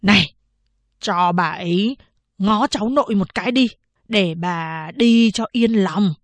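A woman voicing a gruff, scolding elderly male town chief who barks at his clerk. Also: mid-range voice, unhurried, dry recording, close to an everyday voice. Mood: grave. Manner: barking, scolding.

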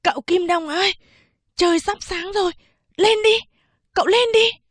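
A woman's voice: high voice, normal speed, darkish tone, no room sound, clean studio sound, voice pushed up, natural voice. A woman voicing an eager young boy who coaxes and pleads with his uncle in an audiobook. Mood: urgent coaxing. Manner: urgent, coaxing. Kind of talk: audiobook character voice.

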